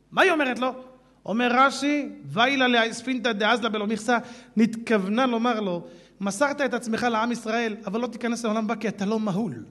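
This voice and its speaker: A man, a rabbi, preaching a fiery sermon to a hall audience, swinging from low mutters to shouting and mixing Talmudic Aramaic with street slang. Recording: long hall reverb.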